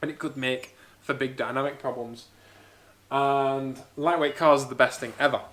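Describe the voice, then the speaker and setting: A man's voice: medium pitch, steady tone, moderate pace, a bit bright. A man who grew up in Spain, chatting enthusiastically as he answers viewer questions in a casual Q&A vlog about building a car. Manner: chatty, enthusiastic, thinking aloud. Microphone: small camera-mounted mic.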